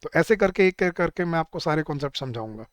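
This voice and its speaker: A man teaching an online exam-prep lecture, sounding words out slowly and putting questions to his class. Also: on the high side, lively intonation, dry recording. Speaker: English teacher.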